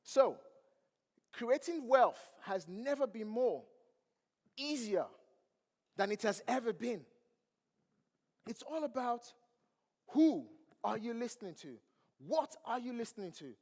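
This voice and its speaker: With a very high voice and lively intonation, a Nigerian-accented motivational speaker delivers a preachy stage speech, speaking slowly, pausing often, and asking the crowd questions. English isn't his first language, and his tone is darkish. The large event hall gives a long reverb.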